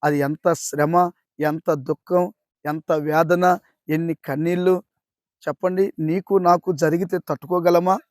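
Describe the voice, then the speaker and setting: A man preaching a daily devotional sermon as a pastor, exhorting and repeating phrases, swinging between loud urging and hushed pleading. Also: fairly high pitch, steady tone, measured pace, dry recording, clean studio sound.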